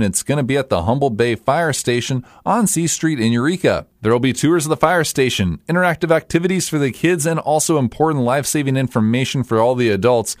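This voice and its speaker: A man's voice: fairly high pitch, no room sound, clean studio sound. A man reading a scripted community announcement as a radio announcer.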